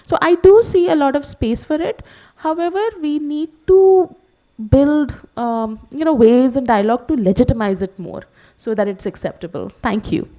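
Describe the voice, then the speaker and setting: Measured woman, panel expert. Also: high-pitched, mellow. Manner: measured, thoughtful, with fillers. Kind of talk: panel discussion answer.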